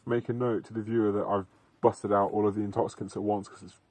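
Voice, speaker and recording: A young British man with a fairly low voice, talking loosely and casually outdoors. The sound is dry and free of echo, and his humour is deadpan, slangy and sweary. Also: fast. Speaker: podcast host. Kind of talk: casual rambling chat. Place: outdoors in a field at night.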